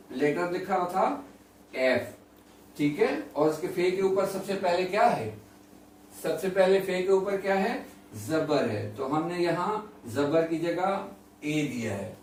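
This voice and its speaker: A man's voice: a little high, slight background noise. A man teaching a lesson to beginners. He explains patiently, repeats himself and keeps asking the class questions. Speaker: English teacher. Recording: very echoey room, voice from a distance.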